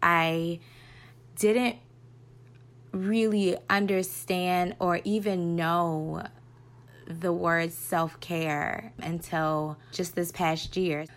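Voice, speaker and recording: A woman in her thirties speaks into her phone in an unhurried, reflective voice note. Her voice sits on the low side and she takes her time with each thought, sincere and personal. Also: fairly even intonation. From United States. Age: 30s. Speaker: podcast listener. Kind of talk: voice note message.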